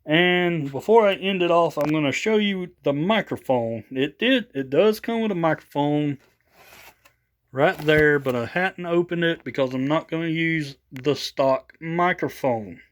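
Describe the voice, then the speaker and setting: A vlogger shows off his new CB radio in a folksy, unscripted show-and-tell, rambling casually. He sounds a little tired after work, and his fairly high-pitched voice stays unhurried.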